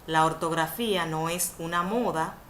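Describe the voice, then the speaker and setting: At normal speed, a low-voiced Dominican woman with a fairly bright tone gives a university webinar lecture on Spanish spelling, indoors via online video conference. As facilitator she teaches didactically, repeating definitions and self-correcting with "perdón." The webinar audio has faint background noise.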